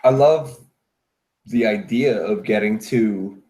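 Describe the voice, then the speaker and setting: A man's voice: lowish voice, slow, dark tone. A man chatting casually about basketball as a fan on a sports panel. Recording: roomy echoing room sound.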